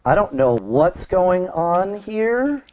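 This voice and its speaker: A man co-hosting a casual tech podcast through a muffled laptop mic that makes him sound like he is at the bottom of a well. He talks in halting bits and restarts his sentences. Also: high voice, big pitch swings, a little mellow, a little hiss or hum. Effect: muffled laptop mic, like talking from the bottom of a well. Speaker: podcast co-host.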